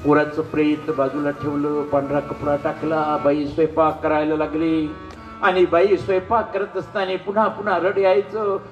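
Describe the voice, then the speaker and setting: A male kirtan preacher recounts a devotional story with dramatic emotion in a high voice. His voice echoes in a roomy hall. Faint instruments play behind him. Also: level tone, moderate pace, muffled recording, soft background music.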